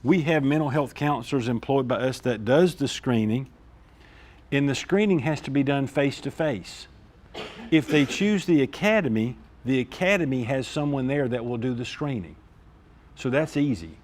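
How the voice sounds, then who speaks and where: A school district administrator walks a meeting through discipline procedures. He talks informally, keeps checking that people follow him, and speaks at a middling pitch. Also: lively intonation, moderate pace, a little mellow, a little hiss or hum. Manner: informal, repeats "all right?" to check understanding. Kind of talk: explaining procedures at a staff meeting.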